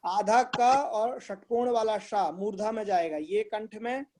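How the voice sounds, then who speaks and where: A man's voice: high voice, unhurried, a little mellow, a little hiss or hum. A man teaching Sanskrit pronunciation in an online class, patiently repeating sounds and checking that his students follow.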